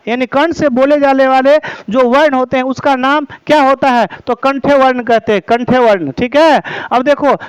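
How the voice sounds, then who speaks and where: A man's voice: very high voice, dry recording, lo-fi sound. A man teaching a grammar lesson, explaining step by step, repeating terms and checking that students follow.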